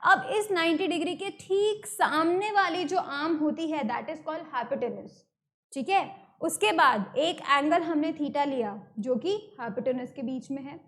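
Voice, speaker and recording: A woman's voice: high-pitched, measured pace, a bit bright. An Indian woman teaching an online math lesson, explaining step by step and repeating key terms, mixing English words into her talk. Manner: mixes English terms into Hindi.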